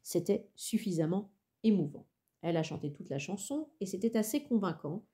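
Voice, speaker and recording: Woman reading a novel, very mellow tone. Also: medium pitch, animated, normal speed. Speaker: audiobook reader.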